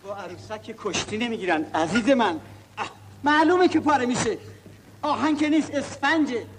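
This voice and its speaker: A man's voice: extremely high pitch, noisy background. An actor playing an easygoing puppet maker who jokes and placates his way out of trouble. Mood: bantering. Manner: joking, placating banter. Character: easygoing middle-aged male puppet maker, joking and evasive.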